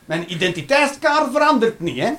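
A man performing a stand-up comedy routine. He swings between loud outbursts and low muttering, and he swears. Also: very animated, normal speed, noisy background.

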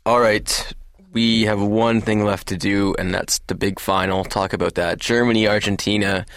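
Gravelly low-voiced man hosting sports talk. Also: steady tone, normal speed, fairly bright tone, no room sound, clean studio sound. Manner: blunt, steers the discussion. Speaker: podcast host. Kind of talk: casual sports chat.

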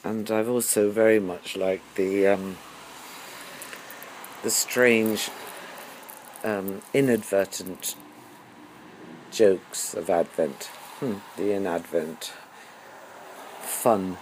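An older man talks slowly and thoughtfully, pausing often in a wry, halting personal monologue. His voice sits fairly low, and faint ambient noise hums behind him. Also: fairly even intonation, darkish tone, rough recording. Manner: musing, halting, with wry humour. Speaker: podcast host.

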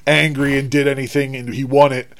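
A man co-hosting a casual chat about films and shows, easygoing and quick to laugh, often finishing his partner's sentences. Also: mid-range voice, level tone, gravelly. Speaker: podcast co-host.

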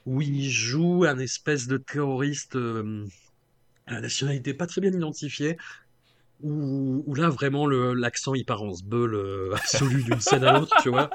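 A man with a French accent hosting a podcast, relaxed and playful, often repeating words as he talks. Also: mid-range voice, a little slow, dry recording. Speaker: podcast host. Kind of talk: casual podcast chat.

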